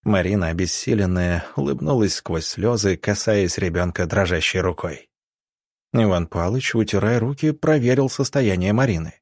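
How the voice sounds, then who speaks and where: A man narrating an audiobook in a tense, measured storytelling manner. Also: on the low side, a little mellow, no echo, studio quality.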